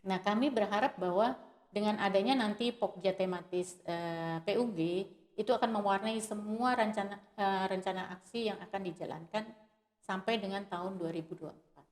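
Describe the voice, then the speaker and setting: Measured woman activist, lots of fillers. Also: mid-range voice. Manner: measured, with frequent "eh" fillers and "nah" openers. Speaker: guest, women's rights activist. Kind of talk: conversational interview answers.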